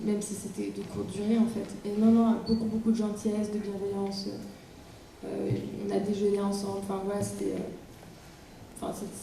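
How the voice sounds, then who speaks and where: Woman, young, festival panel guest, hesitant, fillers, dark tone, distant, echoey hall. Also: medium pitch, completely flat delivery, normal speed, creaky, a little hiss or hum. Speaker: actress guest. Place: large hall.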